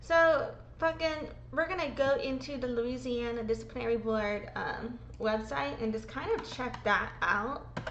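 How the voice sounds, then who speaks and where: Packing up a room at home, a thirtysomething woman vlogs in a rambling, emotional way while ill with a sore throat that drops her voice lower than normal. It still sits on the high side, fairly bright and measured in pace. The space sounds roomy, and the audio is dull with slight hiss or hum.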